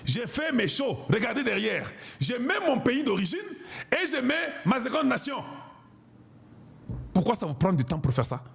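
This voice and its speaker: A man's voice: very high-pitched, very animated, normal speed, vocal fry, a bit bright, husky. A man from Congo, giving an impassioned political monologue in an emphatic, declamatory way and repeating himself for emphasis. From Congo (DRC). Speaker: online political commentator.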